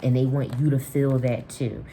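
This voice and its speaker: A woman's voice: rumbling low, level tone, moderate pace, warm tone, slight background noise. A woman doing a spiritual tarot reading, speaking affirmations directly to the listener and often repeating herself. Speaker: tarot reader.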